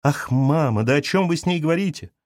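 A man's voice: expressive, a little fast, darkish tone, dry recording, studio quality, close to an everyday voice. A man reading an audiobook voices a hysterical, jealous young woman who shrieks her accusations. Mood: tearful. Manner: shrill, sobbing and screaming accusations.

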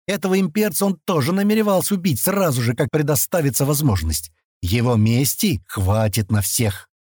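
A man narrating a fantasy audiobook in a measured, expressive reading. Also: medium pitch, slightly rough, dry recording, studio quality.

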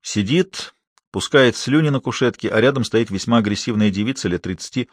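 A man narrating a first-person story in a calm, measured way. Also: mid-range voice, dry recording, clean studio sound. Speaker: audiobook narrator.

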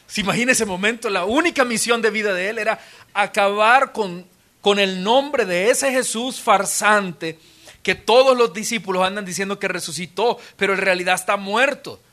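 A man's voice: high voice, moderate pace, pushed and bright. A man pastor preaching an expository sermon in a church auditorium, retelling scripture dramatically.

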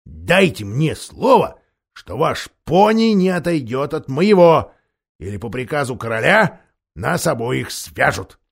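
A man voicing a gruff, stubborn older male dwarf in a storybook reading. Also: medium pitch, sing-song, measured pace, voice pushed down, full character voice. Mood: stern.

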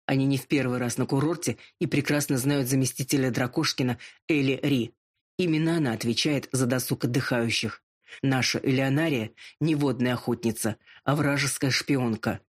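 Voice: mid-range voice, steady tone, husky, natural voice. A narrator voicing a haughty dragon lord. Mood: curt. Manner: drawn-out and pleading when drunk, curt when sober. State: drunk and drowsy. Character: arrogant male dragon lord, a gruff millionaire.

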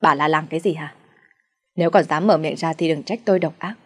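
A woman voicing an older, hot-tempered husband who shouts threats at his wife. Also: deep voice, fairly quick. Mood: angry.

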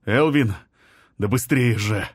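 A man's voice: on the low side, steady tone, normal speed, no room sound, clean studio sound, close to an everyday voice. A man voicing an irritable young wizard who speaks tensely and urgently. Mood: irritated.

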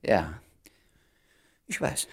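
Speaking extremely slowly, a male actor voices a curious, easily rattled doctor in a German radio drama. He sounds awkward, pressing with insistence and hesitation while putting on a show of indifference.

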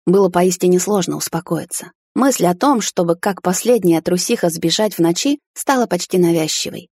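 A woman narrating a first-person romance audiobook in an intimate, measured reading. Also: lowish voice, a little mellow, husky, dry recording.

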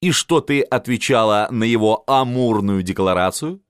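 A man's voice: on the low side, animated, moderate pace, clear, resonant tone, no echo, clean studio sound, voice pushed up, close to an everyday voice. A man voicing a sly, scheming count who talks in a mocking, ingratiating way, in an audiobook. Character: sly scheming male count, smooth-tongued.

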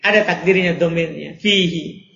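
A man's voice: fairly high pitch, moderate pace, vocal fry, pushed and bright. A man teaching an Arabic grammar lesson in a class, quizzing his students with playful examples. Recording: echoey hall, dull audio.

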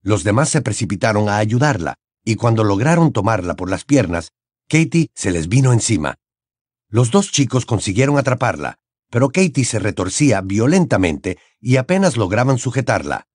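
A man reading a fantasy novel aloud as an expressive audiobook narrator. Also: fairly low pitch, normal speed, dry recording, studio quality. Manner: expressive storytelling with wide intonation. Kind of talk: scripted narration.

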